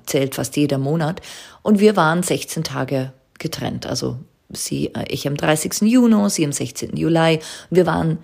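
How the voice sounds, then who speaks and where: A low-voiced woman with a Swiss German accent talks in an earnest, reflective monologue as a podcast host. Her voice is husky with a gravelly edge. She tells personal stories and corrects herself mid-sentence with fillers. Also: a little mellow. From Switzerland.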